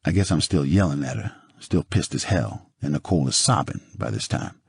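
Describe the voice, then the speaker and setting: A man's voice: extremely low pitch, animated, normal speed, vocal fry, husky, dry recording. A man narrating an audiobook in a blunt, confessional manner, on a close studio microphone.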